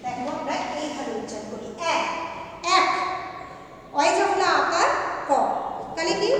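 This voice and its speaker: A woman's voice: high voice, fairly bright tone. A woman teacher giving a grammar lesson, who patiently repeats each rule and asks rhetorical questions. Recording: echoey hall, far from the mic, faint noise.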